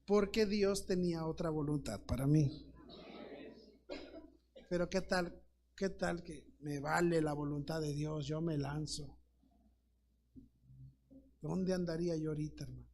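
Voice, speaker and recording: Unhurried and pausing often, this middle-aged man speaks in a somewhat high voice over slight background noise. He's a Mexican-accented pastor giving a Sunday school sermon, voicing his story's characters with animation and addressing listeners as brother.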